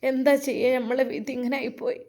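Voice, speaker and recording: A woman's voice: high-pitched, fairly even intonation, brisk, darkish tone, lightly acted. Woman doing a kind old mum comforting her daughter. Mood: motherly. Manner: soothing, motherly. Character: older mother, gentle and pious.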